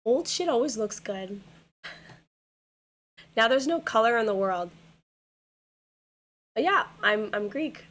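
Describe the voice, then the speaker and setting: A young woman streamer with a hoarse, worn-out voice chats casually with viewers from her home setup, rambling and repeating herself with lots of fillers. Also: a little high, lively intonation, slow pace, long pauses, fairly bright tone. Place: home gaming room.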